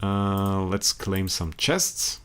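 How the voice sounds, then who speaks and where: A young German gamer chats casually with his stream viewers in a deep, smooth voice, drawing out his words. He rambles and repeats himself, laughing often and breaking into abrupt excited outbursts.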